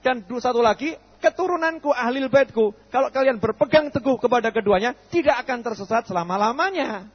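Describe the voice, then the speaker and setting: A man gives an animated sermon, quizzing his listeners and answering himself. His voice sits high and sounds husky. The recording is dull and lo-fi, with long reverb from a hall. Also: a little fast. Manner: animated, asks and answers his own questions. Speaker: preacher. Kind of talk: lively sermon with acted dialogues.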